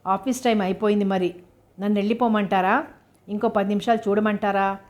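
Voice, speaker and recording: A woman's voice: medium pitch, fairly even intonation, brisk, darkish tone, lightly acted. A woman reading the part of a polite male driver who asks deferential questions.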